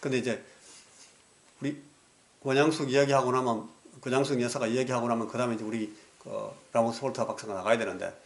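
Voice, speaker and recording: A male pastor delivering a sermon earnestly, dropping to soft pleading and rising in stories. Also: mid-range voice, steady tone, a little fast, reverberant. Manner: earnest preaching that drops to soft pleading, then rises in anecdotes. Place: church sanctuary.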